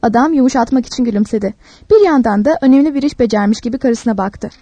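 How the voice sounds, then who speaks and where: A woman narrating a story in a calm, measured reading. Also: a little high, slightly rough, no echo.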